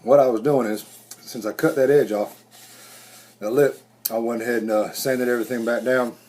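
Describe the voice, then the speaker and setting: A man's voice: mid-range voice, fairly even intonation, normal speed, darkish tone, slight background noise. A man rambling folksily through a casual bushcraft workshop vlog. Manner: rambling, folksy, self-correcting. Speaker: bushcraft vlogger.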